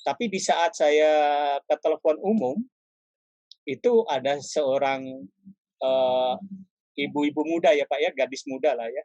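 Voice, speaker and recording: A middle-aged painter and art lecturer tells stories from his life in a relaxed interview, laughing often, apologizing frequently, and calling his listener "Pak" every few words. His voice is on the high side, a little slow and mellow, with long pauses. The audio is dull and has no echo.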